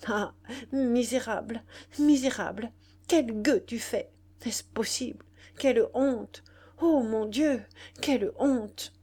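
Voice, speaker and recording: A woman voicing a furious, betrayed young woman who spits insults in rapid, broken, panting bursts. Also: a little high, warm tone, pitched above the performer's own voice.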